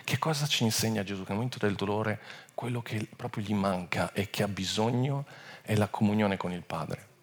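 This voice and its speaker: A man with a somewhat low voice preaches a sermon, teaching through a Bible passage. He swells to loud, emphatic peaks and then sinks back to low, quiet phrases, often breaking off and restarting words mid-phrase. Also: moderate pace.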